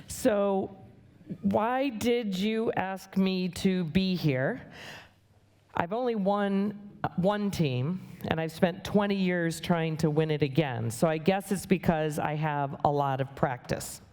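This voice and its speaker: A middle-aged woman from the United States giving a conference talk to an audience, brisk, wry and plain-spoken. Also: lowish voice, a little mellow. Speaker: guest speaker. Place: conference hall.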